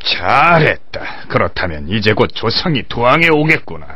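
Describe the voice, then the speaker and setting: A man playing a cunning, calculating old warlord in a dubbed historical animation, deliberate and authoritative. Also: mid-range voice, sing-song, no echo. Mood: scheming. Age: older. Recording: muffled dub under loud music.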